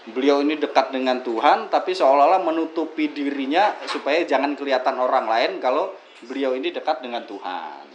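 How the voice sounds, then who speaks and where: A man's voice: mid-range voice, lively intonation, brisk, highs cut off, slight background noise. A man with an Indonesian accent, a guest on a casual podcast, explaining Sufi ideas with everyday examples and a joking ease. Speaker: guest speaking on Sufism.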